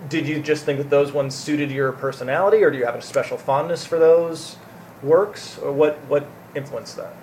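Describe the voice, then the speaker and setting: A man interviewing an actor, asking measured questions politely and apologizing before sensitive ones. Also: a little high, darkish tone, slight background noise.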